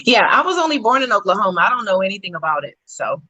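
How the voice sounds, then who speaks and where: A woman's voice: mid-range voice, sing-song, fast, bright, forceful tone, poor audio. A woman from Georgia, a singer answering interview questions casually and playfully, laughing often. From United States, Georgia. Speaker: guest singer.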